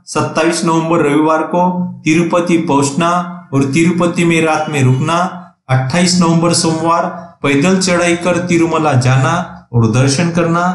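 A man narrating his pilgrimage trip as a travel vlogger, in a steady, plainly read voice-over with practical tips. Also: on the high side, roomy sound.

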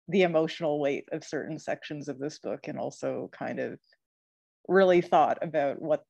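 A participant in an online book discussion, speaking in a measured, articulate, teacherly way. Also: medium pitch, vocal fry, darkish tone, no room sound. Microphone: video call.

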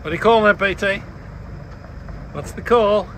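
An excitable Australian man hosting a sailing vlog chats casually on an open sailboat deck at sea, calling out encouragement and coaching to a fisherman. His voice is high-pitched at normal speed, and the low-quality recording picks up wind and boat noise.

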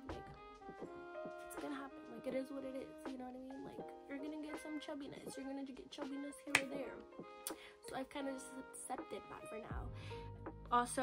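Young woman vlogger, nervous and rambling, recorded on a phone, pitched a bit high. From United States. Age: 20s. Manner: nervous, chatty, full of "like" and "you know". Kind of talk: casual get-to-know-me vlog. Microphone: phone camera video.

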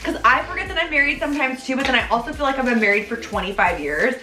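A woman's voice: high voice, expressive, very fast, sharp tone, soft background music. A woman in her thirties hosting a casual vlog, chatting while eating fried chicken on a couch. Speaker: vlog host. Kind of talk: casual chat. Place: small living room, seated on a couch. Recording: roomy living-room echo.

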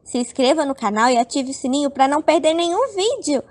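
A woman's voice: high-pitched, animated, fairly quick. A woman host of a children's storytelling channel, cheerfully addressing the kids in a sign-off.

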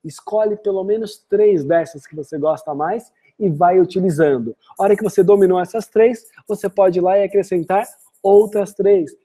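A woman with a Brazilian Portuguese accent giving an online English lesson, explaining phrases and then saying the English examples slowly and clearly. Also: medium pitch, mellow. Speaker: English teacher.

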